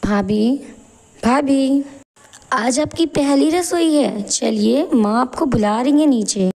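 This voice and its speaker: Cartoon teen girl, eager and chatty, higher gravelly voice, by a woman. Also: takes it slowly, darkish tone, exaggerated voice. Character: young sister-in-law, eager teenage girl.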